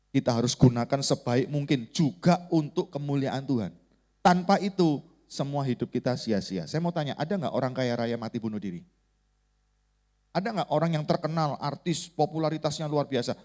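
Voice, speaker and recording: A man from Indonesia, a pastor, preaching a sermon in an earnest storytelling manner that swings between raised emphasis and hushed, quiet passages. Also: medium pitch. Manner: earnest storytelling with sudden rises and hushed drops; calls the congregation "saudara".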